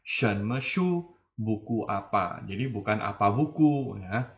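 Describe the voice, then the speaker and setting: A man teaching beginners a language, explaining slowly and repeating each word and phrase. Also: lowish voice, animated. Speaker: Mandarin teacher. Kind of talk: language lesson in Indonesian.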